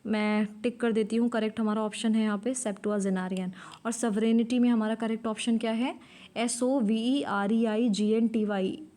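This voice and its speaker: A woman's voice: on the high side, fairly even intonation, moderate pace, dark tone. A woman teacher giving a spelling lesson, spelling words out letter by letter and repeating them. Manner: repeats key words and checks understanding. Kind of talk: spelling lesson, mixing English terms into Hindi.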